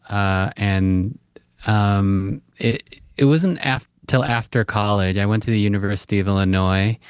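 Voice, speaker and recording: A man's voice: lowish voice, clear, resonant tone, no echo. A man from South Korea, a book author, answering radio interview questions thoughtfully with many hesitations. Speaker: author and guest.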